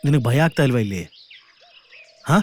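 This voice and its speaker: A man's voice: medium pitch, expressive, moderate pace, natural voice. An actor dubbing a young man urgently pleading with his grieving friend to leave the forest, in a film soundtrack with music. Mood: urging. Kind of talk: Kannada film dub.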